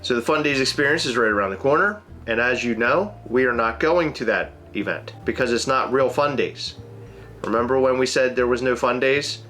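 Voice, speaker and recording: A man's voice: mid-range voice, normal speed, sharp tone, faint music behind. Joking man with a head cold. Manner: joking, teasing, whiny. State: congested with a cold. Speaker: co-host. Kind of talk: casual chat.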